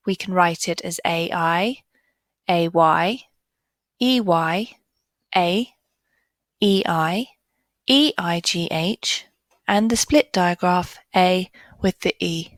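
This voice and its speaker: A woman leads a children's phonics lesson, drawing out each vowel sound and word with deliberate care. Her pace is unhurried and gentle. The recording is dry, with no room around the voice. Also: on the low side, no echo, rough recording. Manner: slow, clearly sounding out letters and words. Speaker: teacher. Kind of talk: primary school phonics lesson.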